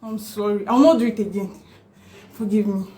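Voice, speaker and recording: A woman's voice: mid-range voice, steady tone, fairly quick, warm tone, a little hiss or hum, natural voice. A woman playing a married woman caught cheating, begging forgiveness over and over. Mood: pleading. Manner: begging, tearful, repeating apologies.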